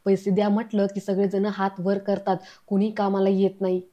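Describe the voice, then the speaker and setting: A woman's voice: medium pitch, monotone, moderate pace, mellow, dull audio, lightly acted. A woman voicing a crafty middle-aged village aunt who whines and fakes tears to dodge a doctor visit. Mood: fake crying. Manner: whiny, fake-tearful pleading.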